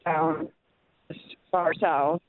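A woman's voice: low-pitched, steady tone, no room sound. A woman from Wisconsin calling in, talking hesitantly over a phone line that keeps breaking up and fading in and out. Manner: hesitant, halting speech with fillers. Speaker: caller. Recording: tinny dropping phone line.

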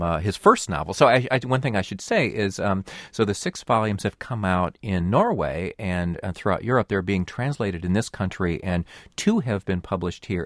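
Deep-voiced man reviewing books on radio. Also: no echo, studio quality. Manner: thoughtful, explanatory, hesitant. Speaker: book reviewer guest. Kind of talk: radio book discussion.

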